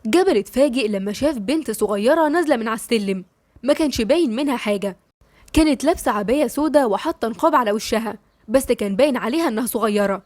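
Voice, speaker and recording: Brief: Egyptian woman narrating a novel, rapid and slightly high, dry close sound. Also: animated, darkish tone, dry recording. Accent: Egyptian Arabic. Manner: brisk storytelling. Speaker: storyteller. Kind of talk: novel read-aloud narration.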